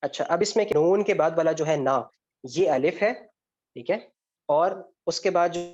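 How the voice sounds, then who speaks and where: The recording is dull and lo-fi: an online lecture with student questions, given by a male Arabic grammar teacher whose voice runs a little mellow and on the high side. He proceeds step by step, answering the questions he himself poses.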